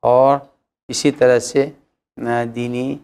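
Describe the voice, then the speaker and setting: A man's voice: medium pitch, little pitch movement, drawn-out words, a little mellow, clean tone. A man, an Islamic cleric, answering religious questions with emphatic rhetorical questions.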